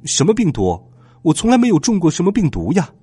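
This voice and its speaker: A man doing a shouting, protesting schoolboy. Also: sits high, huge pitch swings, quick pace, slightly rough, full character voice. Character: worried young schoolboy in trouble.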